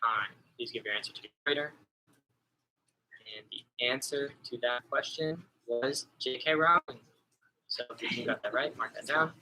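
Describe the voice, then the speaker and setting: A man's voice: medium pitch, moderate pace, bright, forceful tone, slight background noise, rough recording. A young man hosting a virtual trivia contest, reading each question twice and slipping in casual asides. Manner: casual and chatty, with small asides. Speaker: trivia quiz host. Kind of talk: reading quiz questions over a video call. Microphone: computer mic on a video call.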